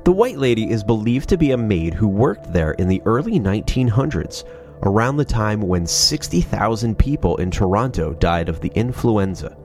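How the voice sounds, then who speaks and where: With soft music behind him, a man with a fairly low, darkish voice reads ghost stories for his paranormal channel at a normal speed, very animated and sprinkling in sarcasm. He sounds stuffy and nasal because of a sinus cold, and uses a studio microphone.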